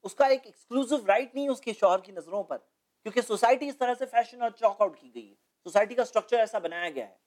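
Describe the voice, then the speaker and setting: A man's voice: very high voice, lively intonation, fairly quick, darkish tone. Male guest speaker, studio interview, lecturing and explanatory, fond of rhetorical questions. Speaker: guest speaker on Islamic topics.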